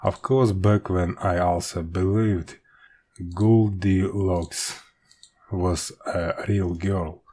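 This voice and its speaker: A man with a Russian accent narrates an audiobook in a low-pitched voice. His pace is extremely slow and halting. He stumbles on words here and there and repeats them as an amateur reader would. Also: fairly even intonation, warm tone.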